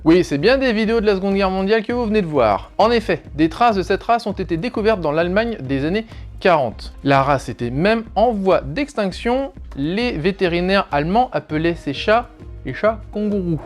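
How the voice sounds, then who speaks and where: Guy doing a scripted explainer, jokey sarcastic asides, voice goes up and down a lot, quiet music under it. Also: high-pitched, animated, normal speed. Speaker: YouTube host. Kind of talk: scripted informative commentary.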